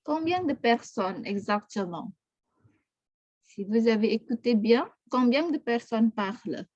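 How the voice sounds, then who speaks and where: A woman's voice: fairly high pitch, expressive, measured pace, a little mellow, no room sound, lo-fi sound. A woman teaching a French class, patiently repeating questions and correcting pronunciation. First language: Indonesian. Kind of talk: online language class.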